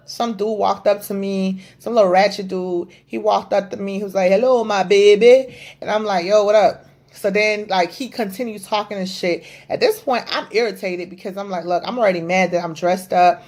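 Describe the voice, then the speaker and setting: A young woman hosting a podcast and telling a story in blunt, profane casual chat. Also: medium pitch. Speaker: podcast host.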